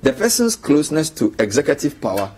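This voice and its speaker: A man's voice: fairly high pitch, very animated, darkish tone. A man with a Ghanaian English accent, a political analyst arguing his point on a live TV panel in a studio. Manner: argumentative, lists names quickly. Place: TV studio with city view.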